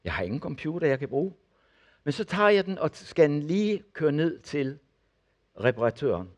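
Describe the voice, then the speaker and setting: An older man preaching, telling testimony stories and acting out the people in them. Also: a little high. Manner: animated storyteller acting out the people in his stories. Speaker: preacher and former missionary. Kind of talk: sermon testimony.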